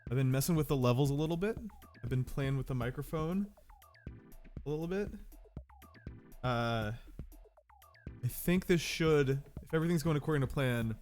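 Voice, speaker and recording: A man's voice: mid-range voice, normal speed, long pauses, a little mellow, soft background music. A sick man with a nasal, stuffed-up voice, rambling casually and self-deprecatingly while livestreaming a game, a little profane. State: sick with a cold. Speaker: game streamer.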